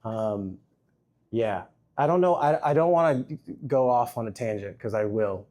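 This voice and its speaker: A young man from Los Angeles speaks as a panel guest with joking, self-deprecating asides. He tends to ramble a little, in a mid-pitched voice. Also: unhurried, a crowd in the background. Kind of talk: live panel conversation.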